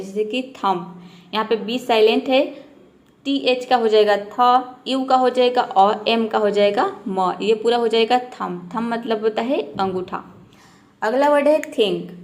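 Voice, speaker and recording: A woman teaching English pronunciation to beginners, patiently repeating each rule and asking the viewer questions. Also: a little high. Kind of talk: step-by-step pronunciation lesson.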